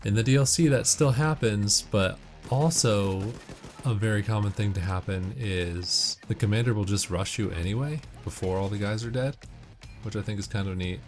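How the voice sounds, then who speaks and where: A man with a fairly low voice speaks at a moderate pace, casually walking through a video game and sharing tips as he plays. His delivery is matter-of-fact. Game music and gunfire sound in the background.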